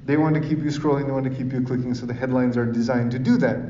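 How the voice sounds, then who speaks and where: Speaking quickly with a warm tone and fairly even intonation at medium pitch, a man from Sri Lanka delivers a casual talk that takes questions from the audience. He keeps checking for agreement through tag questions. The echoey room and faraway mic make the sound roomy and dull.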